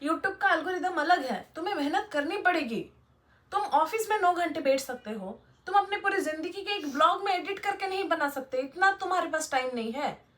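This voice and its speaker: Young woman vlogger, pretty high voice, preachy and blunt, telling viewers how to live. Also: animated, normal speed, a bit bright. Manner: blunt, lecturing, addresses viewers directly. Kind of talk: motivational casual talk to camera.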